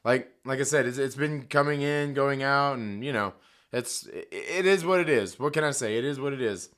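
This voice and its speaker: Hoarse but casual, this live streamer swears freely, jokes around and reads the chat out loud. He speaks at a normal speed in a mid-range voice that's a bit bright.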